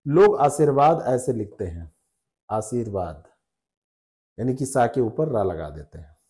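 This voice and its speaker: A man's voice: medium pitch, very animated, moderate pace, dark tone. A man teaching spelling rules to exam students, repeating each rule patiently and checking with the class. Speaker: Hindi exam tutor.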